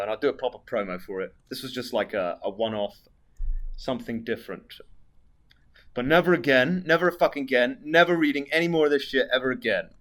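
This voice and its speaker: A man's voice: mid-range voice, fairly bright tone. A man with a posh British accent chats casually as a live streamer, reading out viewer messages in a dry, sweary manner. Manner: sweary, dry, tag questions.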